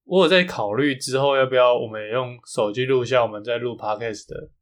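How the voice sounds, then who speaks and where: Fast-talking man with a Taiwanese accent. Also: medium pitch. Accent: Taiwanese Mandarin. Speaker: podcast co-host. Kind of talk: casual chat.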